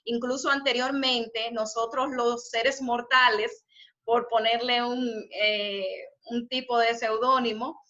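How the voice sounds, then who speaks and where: Woman teacher on a zoom class, bright voice, a bit high, dull lo-fi call audio. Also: level tone, slow. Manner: encouraging, praises students' answers. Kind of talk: live online class. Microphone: video call.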